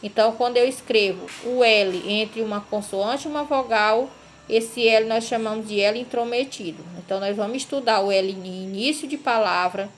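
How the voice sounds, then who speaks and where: A woman's voice: a little high, slight background noise. A woman teacher, patiently explaining a lesson to children and often checking in with short tag questions. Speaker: primary school teacher. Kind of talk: recorded class lesson for children.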